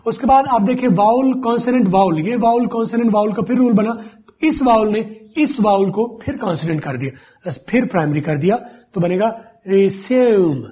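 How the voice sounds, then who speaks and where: A man with a high, husky voice gives a patient pronunciation lesson. He repeats each word and sound slowly, over and over, to demonstrate it. The recording is dull and lo-fi. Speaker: English pronunciation teacher. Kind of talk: classroom-style explanation.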